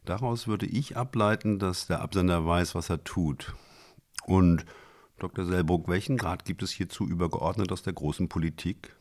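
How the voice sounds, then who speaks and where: A man voicing a composed male official who speaks in formal, measured bureaucratic phrases. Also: deep voice, natural voice.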